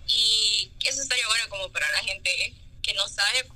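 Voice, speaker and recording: A woman interviewing two musicians in a casual chat, upbeat with quick reactions. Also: mid-range voice, bright, forceful tone, poor audio.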